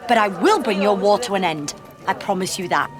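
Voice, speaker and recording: The Doctor, a principled time traveller voiced by a woman, talks with firm, earnest resolve. Her voice sits in a middle register. A clear music score plays under her in this audio drama clip. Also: mid-range voice, animated, fairly quick, close to an everyday voice. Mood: resolute.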